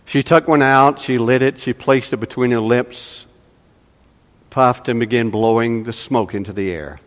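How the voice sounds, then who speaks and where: A man preaching in a church, telling a story at an unhurried pace with long, deliberate pauses. His mid-range voice rings out through the long reverb of the sanctuary. He leans on repetition and builds to an earnest appeal. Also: medium pitch. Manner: slow, measured preaching with dramatic pauses. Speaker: pastor. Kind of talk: sermon storytelling.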